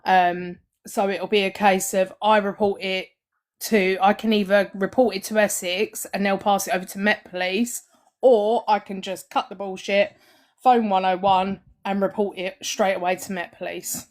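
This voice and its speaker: A woman's voice: mid-range voice, steady tone, moderate pace. Plain-spoken woman streamer. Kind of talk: casual live-stream chat.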